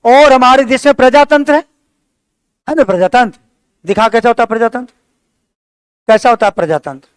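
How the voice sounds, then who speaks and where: A man's voice: very high-pitched, brisk, long pauses, clean tone, dry recording. A male teacher tells a story and keeps asking his class questions.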